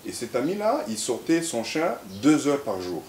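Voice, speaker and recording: A man from Central Africa, an interview guest who talks haltingly, repeating words, then tells stories in a measured way. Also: medium pitch, sing-song, darkish tone. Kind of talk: reflective conversational interview. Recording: echoey room with faint hiss.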